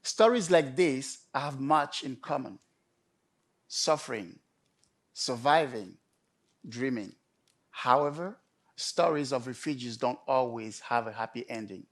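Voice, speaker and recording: A man delivering a prepared storytelling talk in measured, emphatic short phrases with pauses. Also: mid-range voice. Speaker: conference speaker.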